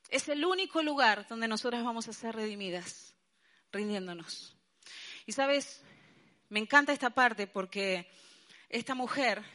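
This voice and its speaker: Una pastora con acento colombiano predicando un sermón animado y enfático a un grupo de mujeres. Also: female voice, a little high. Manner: lively, emphatic preaching with colloquial asides. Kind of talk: sermon to a women's gathering.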